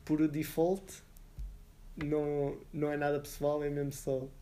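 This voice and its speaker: A young man in casual, slangy podcast chat, thinking aloud in halting repetitions. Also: on the high side, completely flat delivery, warm tone. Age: young adult. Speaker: podcast co-host.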